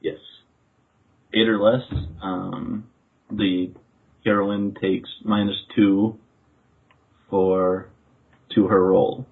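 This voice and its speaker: A man playing a tabletop storytelling game, speaking in a slow, stammering way. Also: fairly low pitch, level tone, slightly rough. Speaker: player. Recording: tinny phone-like podcast audio.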